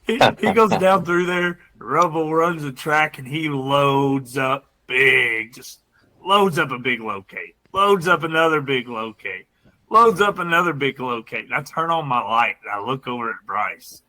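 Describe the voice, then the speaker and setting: A man co-hosting a casual podcast, telling a story in an animated way with laughter. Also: medium pitch, measured pace, poor audio. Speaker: podcast co-host.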